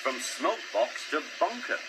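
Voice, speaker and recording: A man narrating a children's storybook in a slow, lively storyteller's reading. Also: on the high side, creaky, very noisy. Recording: music playing behind.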